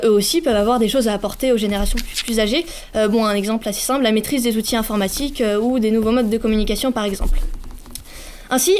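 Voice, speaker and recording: A young woman gives a conference talk and quizzes the audience now and then. Her voice sits a little high, and her delivery is halting, full of restarts and small self-corrections. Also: darkish tone. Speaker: conference speaker for a youth association.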